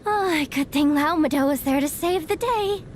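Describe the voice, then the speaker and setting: A woman voicing a small, excitable female fairy companion in a video game, childlike, chatty and dramatic. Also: normal speed, slight background noise, close to an everyday voice. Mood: flustered. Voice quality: squeaky, childlike. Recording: music under the voice.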